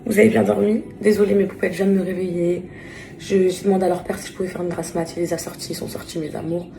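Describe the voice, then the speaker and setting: A woman's voice: lowish voice, flat delivery, quick pace, creaky, background noise. Tired woman vlogging from home. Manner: chatty, addresses viewers fondly, trails off with fillers. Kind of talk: casual chat to camera.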